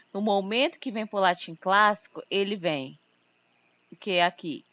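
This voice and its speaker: A woman teaching a recorded lesson, explaining step by step and slowly repeating example words. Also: lowish voice, fairly bright tone. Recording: muffled lo-fi home recording.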